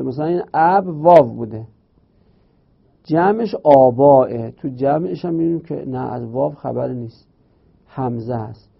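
A man's voice: mid-range voice, vocal fry, husky. A man teaching a grammar lesson, explaining step by step and asking and answering his own questions. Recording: dull lo-fi recording.

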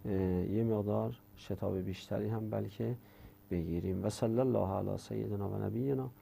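Male teacher with a dark, low voice; drones through conjugation drills, then walks through the rules. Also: vocal fry, slight background noise. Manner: recites verb conjugations in a steady drone, then explains step by step. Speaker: Arabic grammar teacher. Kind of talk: religious-school grammar lesson.

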